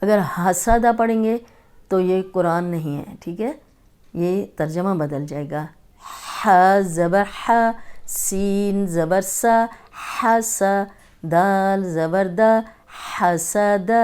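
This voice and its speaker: A woman's voice: mid-range voice, a little mellow, smooth. A woman teaching a Quran recitation lesson, patiently spelling out each letter and repeating syllables. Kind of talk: slow tajweed lesson with drilled letter sounds.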